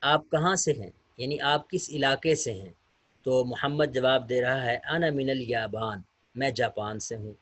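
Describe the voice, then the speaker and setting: This recorded online lecture features a male Arabic teacher with a mid-range, fairly bright voice at a moderate pace, recorded dry. He reads short Arabic sentences, then patiently translates and explains each one step by step for his students.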